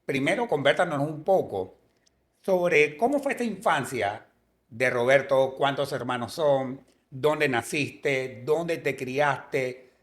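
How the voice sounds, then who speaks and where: A man co-hosting a podcast, interviewing a guest in an effusive, drawn-out way. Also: medium pitch. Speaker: podcast co-host.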